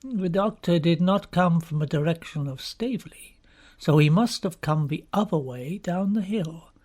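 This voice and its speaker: The part of a sinister, grave middle-aged country doctor is read by a man in an audiobook, with slow, deliberate, breathy probing questions. His voice is a little high and a little mellow, with lively intonation.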